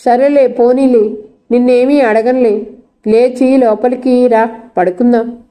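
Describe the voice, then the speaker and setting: A woman's voice: fairly high pitch, fairly even intonation, measured pace, mellow, natural voice. A woman voicing a caring female housemate who presses with question after question, in a storybook reading. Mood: pressing.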